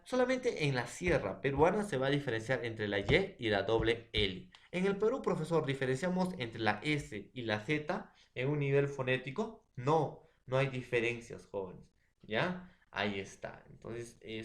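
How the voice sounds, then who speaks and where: A Peruvian-accented man giving a classroom lecture, walking through examples and checking in with his students. His voice sits at an ordinary middle pitch. It rings a little in an echoey room. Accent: Peruvian Spanish. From Peru. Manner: explains with many examples, checks in often with the class. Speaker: teacher.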